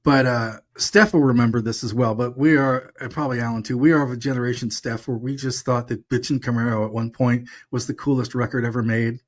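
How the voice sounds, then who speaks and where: A man's voice: medium pitch, steady tone, fairly quick, hardly any pauses. A middle-aged man, a radio DJ, chatting casually and enthusiastically about records with lots of fillers. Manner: rambling, enthusiastic, many fillers. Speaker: radio DJ and podcast co-host. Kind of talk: casual chat.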